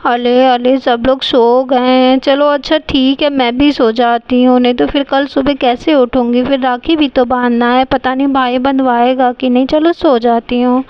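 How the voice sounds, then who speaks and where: A woman's voice: high voice, fairly even intonation, normal speed, few pauses, clean tone, no echo, dull audio, lightly acted. A woman voicing a little girl doll who pleads in babyish, lisping talk in a doll storybook play. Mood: pleading.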